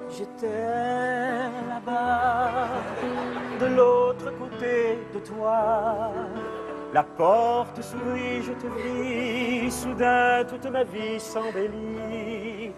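A man's voice: very high-pitched, little pitch movement, extremely slow, heavily acted. A man playing an earnest young suitor in a comedy sketch, declaiming his lines in a pompous mock-operatic way over music. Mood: mock romantic. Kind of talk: comic sketch, half-sung recitative.

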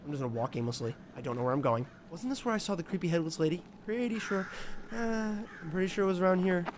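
A man's voice: high-pitched, expressive, fast, a little hiss or hum. A man in his twenties giving casual live commentary on a horror game, jittery, repeating himself and swearing. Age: 20s. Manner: jittery, muttering to himself, repetitive, profane. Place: small indoor room, seated at desk.

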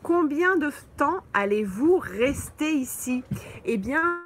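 A woman teaching French on a live stream, slowly answering viewers' comments with frequent pauses and fillers, from a holiday mobile home. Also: sits high, animated. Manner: slow, patient, thinks aloud with many fillers.

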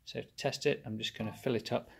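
A man's voice: mid-range voice, fairly even intonation, quick pace, creaky, very noisy. A man narrating a workshop how-to, explaining each step plainly while he works at a bench. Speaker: engine rebuilder.

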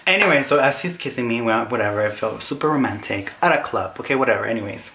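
Young man, vlog storytelling, animated, dramatic squeals, middle-pitched voice. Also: fast talker. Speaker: vlogger. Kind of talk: casual storytelling.

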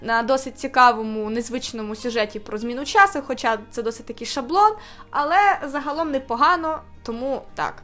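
A woman's voice: fairly high pitch, fairly quick, pushed and bright, soft background music. A woman in casual chat, talking informally with lots of fillers and slang. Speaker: booktube co-host.

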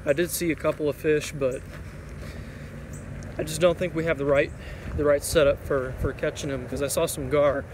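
A man's voice: fairly high pitch, moderate pace, long pauses. A young man in his twenties filming himself on a phone while fishing by a creek, talking casually and rambling with lots of fillers. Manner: relaxed and rambling, many fillers. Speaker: fishing vlogger. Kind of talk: casual outdoor vlog. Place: outdoors by a creek under a highway overpass. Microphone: phone camera held at arm's length. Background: traffic and outdoor ambience.

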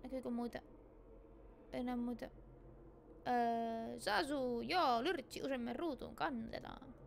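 A woman's voice: fairly high pitch, steady tone, a little hiss or hum. Chatty Finnish woman streaming a game. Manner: chatty, reads and answers chat while playing. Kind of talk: casual let's-play chat. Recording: clear game sound behind.

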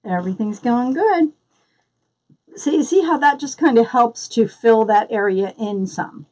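Hosting a live craft tutorial, a Philadelphia-area woman chats and greets viewers by name while she works. Her fairly high voice has a lively, unhurried lilt and a slightly mellow quality, though the recording is low-quality.

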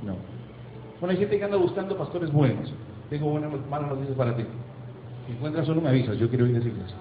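Fairly high-voiced guy preaching, echoey church, kinda dull lo-fi sound. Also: animated, noisy background. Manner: emphatic, rhetorical questions, dramatic slowdowns. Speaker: pastor. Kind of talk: sermon. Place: church sanctuary.

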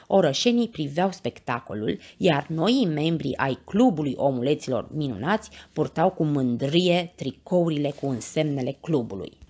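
A woman reading a bedtime story to children in a low, husky voice. She narrates expressively, and her pitch moves widely with a gravelly edge. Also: darkish tone.

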